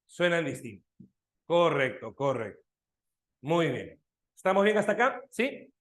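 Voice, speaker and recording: A man's voice: on the high side, a little slow, roomy sound. A man teaching a language class, explaining phonemes and letters and quizzing his students as he goes. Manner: lively, questioning students often, animated. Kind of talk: online exam-prep language class.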